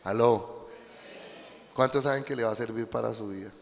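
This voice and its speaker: A man preaching a sermon as pastor, emphatic and swinging between loud bursts and quiet asides, calling out to his congregation. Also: mid-range voice, rapid-fire, vocal fry, big-room sound. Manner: addresses the congregation directly, calls out "Aló". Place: church.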